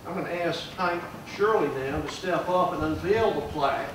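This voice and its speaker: Older judge, folksy eulogy, fairly high voice, far from the mic in a booming room. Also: male voice, moderate pace, background noise. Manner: folksy, warm storytelling with fillers. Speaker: judge giving a memorial tribute. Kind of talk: public memorial speech. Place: large room at a plaque dedication. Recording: echoey room, mic from afar.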